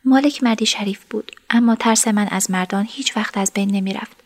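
A woman narrating a story in the first person, in a soft, sometimes whispered voice. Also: mid-range voice.

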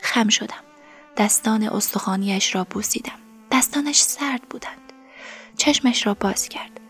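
A woman narrating a story in the first person, softly and emotionally, in a breathy, whispery voice. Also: medium pitch, soft background music. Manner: soft, emotional, tearful storytelling.

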